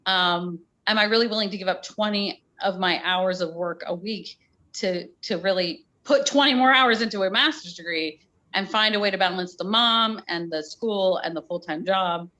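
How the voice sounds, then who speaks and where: A woman's voice: mid-range voice, normal speed, bright, forceful tone. A woman in her forties, a teacher, talking candidly as a podcast guest and weighing her options aloud. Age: 40s. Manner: candid, weighing things aloud, uses "like" often. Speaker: special education teacher, guest. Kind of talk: casual interview conversation.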